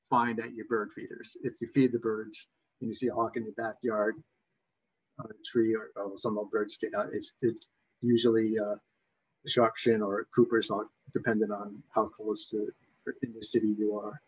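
Husky Boston-accented man, halting lecturer. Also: lowish voice, flat delivery, highs cut off. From Massachusetts, USA. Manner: halting, backtracking delivery. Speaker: bird identification instructor. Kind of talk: informal slide lecture.

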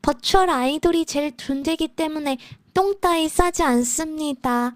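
A woman's voice: high-pitched, normal speed, no echo. A woman live streaming as a virtual idol, chatting casually with viewers in a cute anime streamer manner, playfully whiny and teasing.

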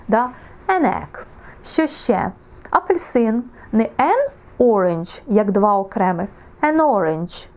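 A woman teaching English articles, slowing down to model and repeat example words. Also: fairly high pitch, dark tone. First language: Ukrainian. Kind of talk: explaining grammar with examples.

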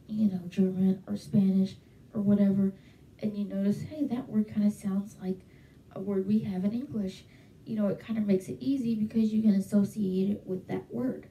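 In a small bedroom at home, a young woman vlogs to camera with a mellow, medium-pitched voice, chatting enthusiastically and filling gaps with lots of fillers. Recorded through a handheld mic held close and a webcam, she sounds far away in a roomy echo.

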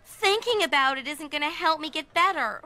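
An earnest, excitable cartoon teenage girl. The voice is very high and bright, with lively, bouncing pitch. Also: brisk.

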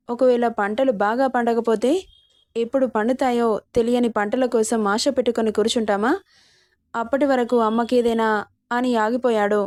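Woman reading a drama story out loud, higherish voice, pretty flat delivery, dry close mic. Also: no room sound. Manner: voices all characters in the same even reading voice.

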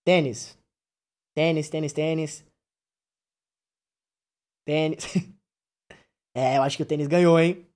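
A man's voice: fairly high pitch, steady tone, slow pace, pauses often, darkish tone. A young man, streaming a mobile game and chatting with viewers in a playful, slangy, joking way. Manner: slangy, playful, jokey banter with chat. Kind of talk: casual gaming livestream chat.

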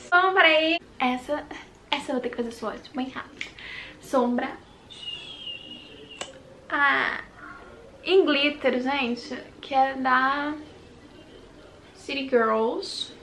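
A Brazilian woman talks straight to her camera in a casual makeup vlog. Her voice sits high, and she gushes excitedly, then drops to a whisper now and then. A faint hiss runs under the recording. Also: extremely slow, pauses often. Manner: gushing and excitable, dropping into whispers. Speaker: beauty vlogger. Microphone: handheld compact camera.

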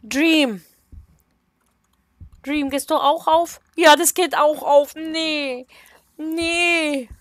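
A woman's voice: sits high, fairly even intonation, slow, dry recording. A woman, commentating a horror game in a casual, nervous way, talking to herself and exclaiming in fright. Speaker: let's play gamer.

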